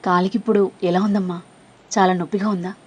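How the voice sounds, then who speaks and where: A woman voicing a kind housemaid who asks gentle, concerned questions. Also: fairly low pitch, level tone, quick pace, husky. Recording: dull lo-fi recording.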